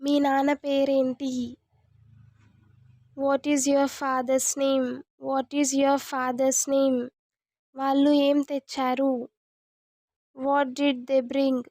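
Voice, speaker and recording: A woman, teaching English as a language lesson, saying each sentence twice in a slow, deliberate way. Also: high voice, monotone, darkish tone, no room sound.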